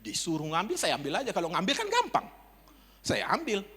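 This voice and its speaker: A man preaching as a pastor, telling a personal story in a chatty way and building to loud calls to the congregation. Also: high-pitched, huge pitch swings, brisk, breathy edge. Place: church service. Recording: long church hall reverb.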